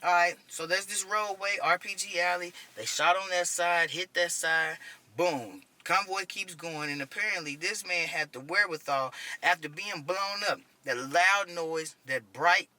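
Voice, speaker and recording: A man's voice: high voice, measured pace, sharp tone. A man in his thirties, an army medic veteran, casually telling a war story in a profane, conversational way. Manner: profane, conversational, keeps asking "you know what I'm saying". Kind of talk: casual first-person storytelling.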